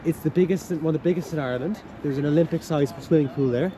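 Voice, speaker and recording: A young man, a student working as a campus tour guide, leads an informal, enthusiastic walking tour outdoors, explaining things in a chatty, loosely phrased way. His voice is fairly high and quick. The recording is noisy, full of clear urban ambience and traffic.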